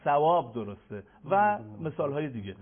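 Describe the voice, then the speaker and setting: Man, formal pronunciation lesson, chants verses slowly, somewhat high-pitched, tinny broadcast audio. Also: very animated. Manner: patient, formal, addresses viewers politely; slows to chant Arabic verses. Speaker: Quran recitation teacher. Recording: tinny phone-like broadcast sound.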